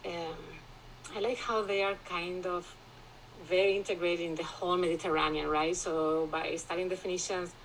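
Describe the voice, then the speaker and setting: A woman from Spain, a classicist, talking as a guest in a podcast interview, thoughtful and pausing often with restarts. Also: fairly low pitch, steady tone, a little hiss or hum, rough recording. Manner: thoughtful, many restarts and fillers, laughs often.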